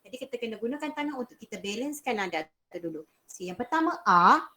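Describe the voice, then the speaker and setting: A woman's voice: on the high side, expressive, fast talker. A young woman with a Malaysian Malay accent teaching a beginners' Mandarin class, explaining patiently and repeating sounds to demonstrate. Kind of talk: online language lesson.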